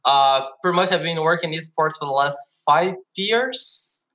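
A man's voice: on the high side, lively intonation, moderate pace, sharp tone, rough recording. A man from Brazil, a guest on an interview podcast, answering casually. He sounds upbeat and leans heavily on "like" and "uh" as fillers. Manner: upbeat, heavy use of "like" and "uh" fillers. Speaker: guest, esports marketing executive.

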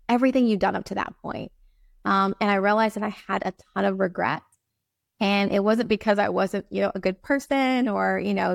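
A woman's voice: medium pitch, gravelly, no room sound, studio quality. A woman from Barbados, a time management coach, chatting as an interview guest with lots of fillers and an upbeat manner. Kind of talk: casual interview talk.

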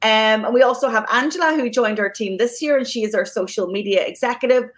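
A woman's voice: a little high, fast talker, poor audio. A woman hosting a podcast, talking casually and giving thanks with many fillers and restarts. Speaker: podcast host.

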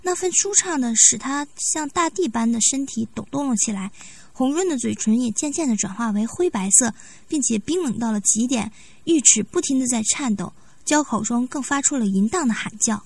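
A woman narrating a story in a steady reading voice. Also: fairly high pitch, normal speed, gravelly. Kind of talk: read-aloud story narration.

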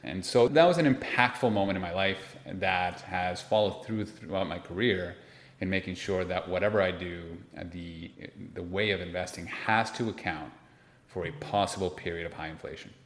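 Speaking at a moderate pace in a low-pitched voice, a Peruvian interview guest from Lima shares personal stories in a conversational tone. He is an investment manager in his forties, and the recording echoes in a roomy way.

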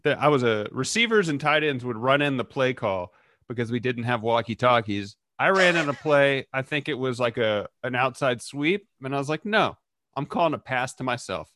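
Relaxed joking man, dry close sound. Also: mid-range voice, normal speed, no room sound. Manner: relaxed, joking, tells stories. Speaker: host. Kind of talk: casual sports chat.

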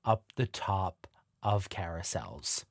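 A man's voice: low voice, lively intonation, slow, no echo, clean studio sound. A man running a tabletop game as game master, narrating the improvised action in a theatrical, playful way.

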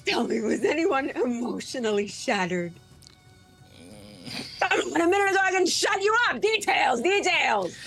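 Woman doing a sneering green grinch creature, mutters then yells, voice all over the place. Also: high voice, lively intonation, normal speed, soft background music, pitched above the performer's own voice. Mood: gleeful scheming. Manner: sneering, swings from mutters to shouts. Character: grouchy scheming green male Grinch creature. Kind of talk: comedic table read.

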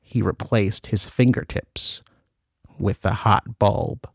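Male narrator: gravelly, dry close-mic sound, measured audiobook delivery. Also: on the low side, fairly even intonation, no echo. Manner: measured, unhurried storytelling.

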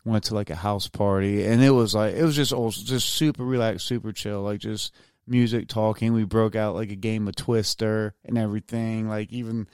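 A slightly tipsy man telling a rambling story on a podcast, in a lowish voice that stays smooth and resonant. The sound is dry and close, with no room around it. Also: steady tone, normal speed, a little mellow, no echo. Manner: rambling storyteller, self-mocking, restarts words. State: tipsy from drinking. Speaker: podcast co-host. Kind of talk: casual chat.

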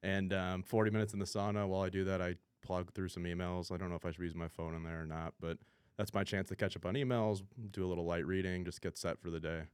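A man's voice: low voice, steady tone, quick pace, clear, resonant tone, no echo, clean studio sound. A man answering casually as an interview guest, a company founder talking in informal business speak.

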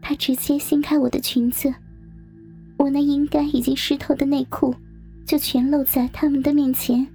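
A woman narrating a first-person adult story in a soft, breathy, near-whispered delivery. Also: high-pitched, level tone, normal speed, faint music behind.

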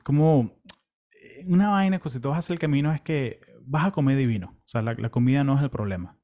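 A young man from Venezuela with a Venezuelan Spanish accent, casually recounting a long walking pilgrimage in a relaxed, chatty way full of fillers and restarts. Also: mid-range voice, fast. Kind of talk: casual travel storytelling.

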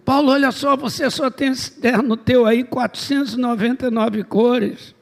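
A man's voice: extremely high pitch, steady tone, moderate pace, vocal fry. A man voicing his incredulous, teasing sister in a preached testimony. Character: incredulous younger sister at home.

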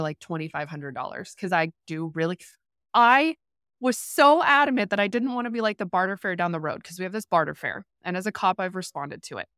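A woman who runs a rural business tells an open, candid story as a podcast guest. Her mid-range voice is a bit bright, captured at studio quality without echo. She talks animatedly, leans on "like," and performs the quotes she relays.

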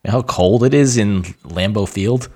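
Low-voiced man rambling with restarts. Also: normal speed, a little mellow. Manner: rambling, with many restarts and acted-out quotes. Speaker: podcast guest, musician. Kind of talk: casual chat.

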